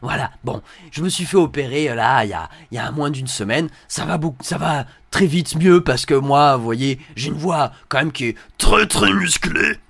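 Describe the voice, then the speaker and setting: Here the young man's voice is medium-pitched and animated, moving at a moderate pace with few pauses and no room sound. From a dry, close-miked room, the video creator answers hateful comments with mocking irony, voicing them in exaggerated put-on tones.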